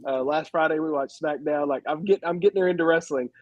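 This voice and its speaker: A man with a high voice talks casually as a podcast co-host, ranting and laughing with an animated, exasperated edge. The sound is dry and close, with no room around him. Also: fast talker, dry recording, lo-fi sound. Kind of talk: casual wrestling review chat.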